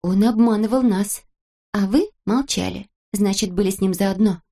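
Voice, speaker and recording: A woman's voice: mid-range voice, close to an everyday voice. A woman doing a jeering chubby little boy. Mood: defensive. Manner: loud, jeering, drawn-out taunts.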